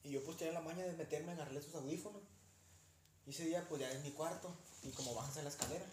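A man's voice: fairly high pitch, fast. Slangy young Mexican guy telling stories. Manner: slangy, animated, acts out quoted voices. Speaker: podcast co-host. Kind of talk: casual storytelling chat. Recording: roomy, faint background noise.

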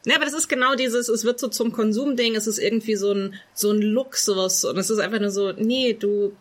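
A woman's voice: mid-range voice, steady tone, brisk. A woman co-hosting a podcast, earnestly building an argument with repeated starts. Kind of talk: casual discussion.

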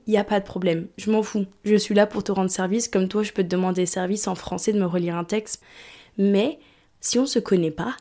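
A woman's voice: medium pitch, dark tone. A woman in her twenties from England, talking candidly in a personal monologue and switching between French and English mid-sentence. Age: 20s. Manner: candid, conversational. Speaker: vlogger.

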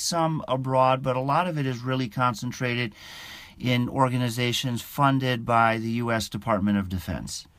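A man gives explanatory interview answers as a science correspondent. His pitch is average and his delivery is halting and measured. The sound is close and dry. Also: a bit bright, smooth, no echo.

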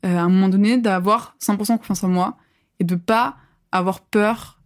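Her voice is mid-range and steady, moving at normal speed as this twenty-something podcast guest talks casually. The chat is loose, packed with fillers and frequent laughter.

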